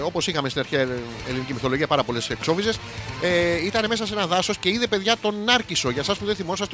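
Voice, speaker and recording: A male radio host, rambling through a crude comic monologue and reading out listener comments in a vulgar, mock-storytelling way, with sudden jumps in his voice. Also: high voice. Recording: music playing behind the voice. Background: guitar music.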